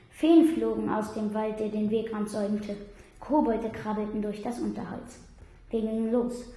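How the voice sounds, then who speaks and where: A woman reading a first-person children's story aloud in a steady, plain voice. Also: a little high. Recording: very echoey room.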